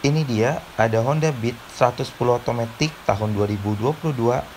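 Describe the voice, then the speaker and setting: A man's voice: mid-range voice, fairly quick, darkish tone, a little hiss or hum, low-quality recording. A man giving a scripted, methodical vehicle inspection narration as an auction presenter. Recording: music playing behind the voice. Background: music.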